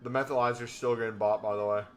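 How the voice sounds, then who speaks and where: A young man with a mid-range voice talks fast and fairly evenly, doing laid-back live-stream commentary for his chat. He's a trading streamer sitting in a gaming chair in a small indoor room.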